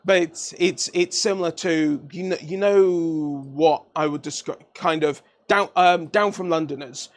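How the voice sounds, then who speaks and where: A man's voice: a little high, unhurried, few pauses. A British man co-hosting a casual tech talk show, trading playful quips and meme references. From United Kingdom. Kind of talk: casual banter.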